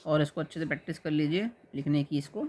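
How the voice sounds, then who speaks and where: Man teaching spelling, fairly high voice. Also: darkish tone. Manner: explains patiently, repeats words slowly and checks understanding. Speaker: exam prep teacher. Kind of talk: spelling lesson for exam students.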